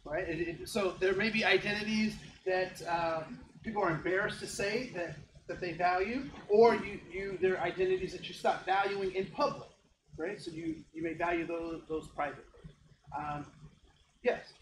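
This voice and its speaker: A man in his fifties from Ohio, in the United States, works as a diversity trainer and gives an interactive, joking workshop talk, often checking in with the live audience. His high-pitched voice has lively intonation at a normal speed, in an echoey room with faint background hum.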